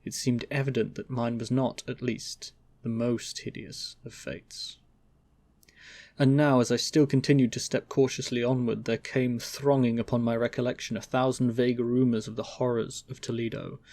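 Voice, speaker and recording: A man's voice: mid-range voice, vocal fry, a little mellow, dry recording. Theatrical man reading gothic horror. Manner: theatrical, with emphatic swells and drawn-out phrases. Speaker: narrator.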